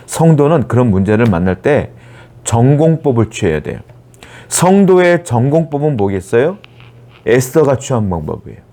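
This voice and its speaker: A man's voice: medium pitch, warm tone. A male pastor preaching a sermon, often posing rhetorical questions to the congregation.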